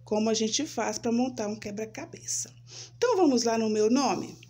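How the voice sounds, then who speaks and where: A Brazilian woman teaching young children, speaking slowly and sounding out syllables, checking in with "né?" and "certo?". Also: a little high, warm tone, husky. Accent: Brazilian Portuguese. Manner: slow, spelling out syllables, frequent "né?" and "certo?". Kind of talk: children's lesson, slow and sing-song.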